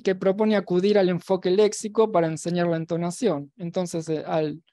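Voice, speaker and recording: A man giving an academic talk as a lecturer at a virtual symposium. He pauses and restarts often, with many fillers and tag questions. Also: high-pitched, little pitch movement, dark tone, no room sound, studio quality. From Argentina. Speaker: university lecturer.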